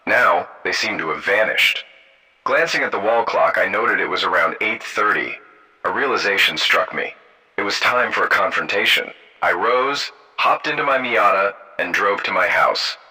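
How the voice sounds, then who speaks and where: Male story narrator, low voice, lively and steady delivery. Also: moderate pace, low-quality recording. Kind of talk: first-person story narration.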